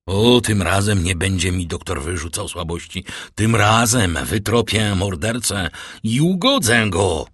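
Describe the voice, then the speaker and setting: A man voicing a frantic, grief-stricken middle-aged prosecutor and father in an audiobook, with desperate, shouting outbursts. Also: on the low side, lively intonation, measured pace, hardly any pauses, breathy edge, dry recording, studio quality, heavily acted. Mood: vengeful. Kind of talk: audiobook character voice.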